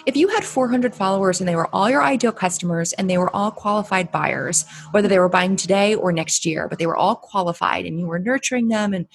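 A woman's voice: medium pitch, quick pace, gravelly, few pauses. A woman from Connecticut, a guest on a casual podcast, confident and matter-of-fact with dry humor.

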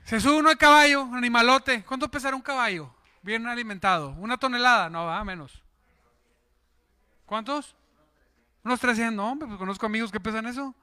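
A man preaches to his congregation, throwing out questions and jokes as he goes. His voice is high and very bright, with a smooth, clear tone. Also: brisk. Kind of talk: sermon.

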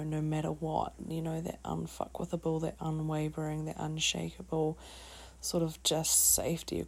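A woman with a New Zealand accent hosting a reflective solo wellness talk, speaking in a halting, thoughtful way with trailing phrases. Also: low voice, gravelly, darkish tone. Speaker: podcast host.

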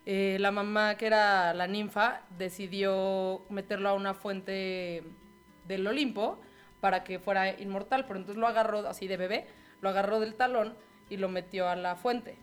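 A woman's voice: medium pitch, moderate pace, clean tone, soft background music. A young woman with a Mexican accent, co-hosting a podcast and retelling a myth in casual, slangy chat. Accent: Mexican Spanish. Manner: slangy, lively storytelling with impressions. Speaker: podcast co-host.

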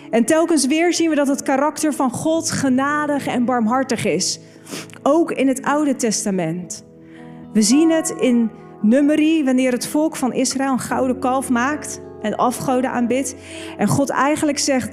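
A woman's voice: on the high side, darkish tone. A woman preaching a sermon on stage, reading scripture and repeating key phrases for emphasis. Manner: slow, deliberate preaching with emphatic repetition. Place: church stage.

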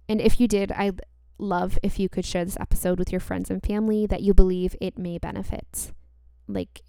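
A woman delivers motivational self-help talk in a clear voice with noticeable vocal fry. She speaks directly and earnestly to the listener, leaning on repeated phrases for emphasis, and the recording is close and dry. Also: mid-range voice, warm tone, dry recording. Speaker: podcast host.

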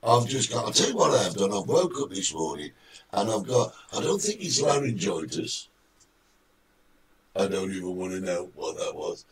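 A hoarse man with a croaky voice hosts a chat show, his pitch swinging up and down as he reads out viewers' names. He sits back from the microphone, so he sounds distant. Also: moderate pace. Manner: lively, greets viewers by name. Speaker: talk show host. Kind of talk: casual chat show banter.

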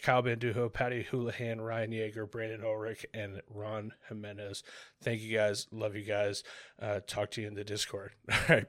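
A man with a mid-pitched voice hosts a casual podcast. His talk is informal and conversational, and the sound is dry with very little room. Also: fairly bright tone, no room sound. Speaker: podcast host.

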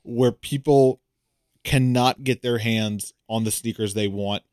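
A man co-hosting a casual podcast, talking in an animated, jokey way with playful voiced asides. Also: medium pitch, unhurried, clear, resonant tone, no room sound, studio quality. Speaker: podcast co-host. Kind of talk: casual chat.

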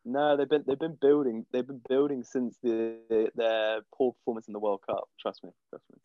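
A man's voice: mid-range voice, flat delivery, moderate pace, soft background music. A man co-hosting a casual sports chat, playfully contrarian and rambling. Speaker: co-host. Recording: dull lo-fi audio.

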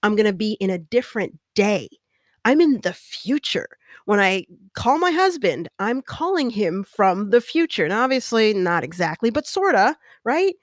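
Chatty animated woman, dry close sound. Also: mid-range voice, no room sound. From California. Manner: chatty, animated, drawn-out words with dips into whispers. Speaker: host. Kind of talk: casual monologue.

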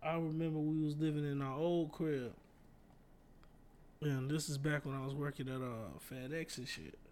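A man's voice: a little high, steady tone, moderate pace, a little mellow, a little hiss or hum. A man co-hosting a casual chat, telling laid-back stories full of slang and profanity. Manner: laid-back storyteller, laughs through his punchlines. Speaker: podcast co-host.

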